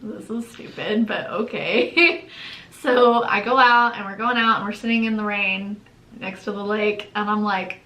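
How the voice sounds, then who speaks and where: A young woman co-hosting a channel, telling a story in a casual, animated way, acting out quotes and laughing often. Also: medium pitch, measured pace. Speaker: channel co-host. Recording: echoey room.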